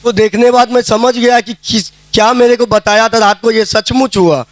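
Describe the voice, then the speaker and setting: Guy giving his testimony at a prayer meeting, fairly high voice, dry close sound, acts out what people said. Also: fairly even intonation, normal speed, dry recording. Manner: plain storytelling, often acting out quoted dialogue. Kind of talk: casual spoken testimony. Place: prayer hall.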